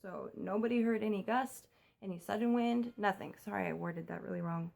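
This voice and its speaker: A woman's voice: medium pitch, vocal fry, a little mellow. A young woman from the US chatting in a casual home vlog, recorded on a phone while keeping her voice down at night. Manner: chatty, talks fast, keeps voice down. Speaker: vlogger.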